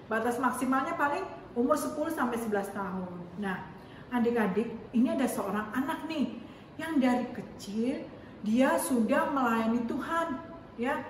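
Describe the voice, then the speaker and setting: High-voiced woman telling kids a Bible story. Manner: animated, talks to kids with many "ya" and "nih". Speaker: Sunday school teacher. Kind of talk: storytelling to children. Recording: very echoey room, distant mic, faint noise.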